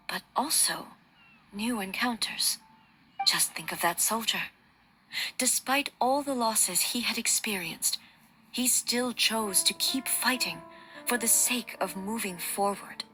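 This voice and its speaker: A woman playing a regal, immortal warrior goddess and shogun in a video game, speaking in a formal, grave, measured way. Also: medium pitch, lightly acted, low-quality recording. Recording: music behind the voice.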